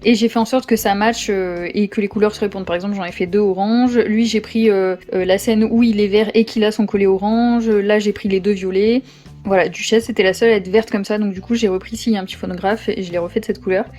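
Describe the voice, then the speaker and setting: Chatty woman with a mellow voice. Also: medium pitch, fairly even intonation, soft background music. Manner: chatty, many filler pauses. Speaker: coloring channel host. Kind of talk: casual show-and-tell narration.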